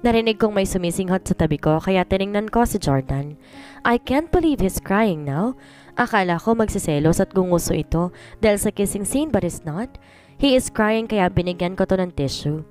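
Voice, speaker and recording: A woman's voice: medium pitch, lively intonation, normal speed. Woman narrating a story over music. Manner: reads every part in one plain voice, mixing Tagalog and English. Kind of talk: scripted first-person story narration. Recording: voice over soft background music.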